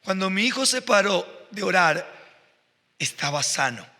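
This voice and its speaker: A man's voice: high voice, big pitch swings, a little slow, pushed and bright, big-room sound. A male pastor preaching a sermon, telling stories with growing emotion and fervor. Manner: emotional, storytelling with rising fervor. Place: church hall.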